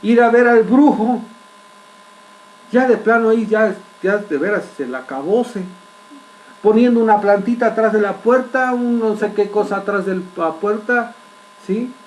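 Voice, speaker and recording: A man preaching a sermon, telling a story vividly and pausing often to ask his congregation rhetorical questions. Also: high voice, a little mellow, slight background noise, poor audio. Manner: vivid storytelling with dramatic pauses.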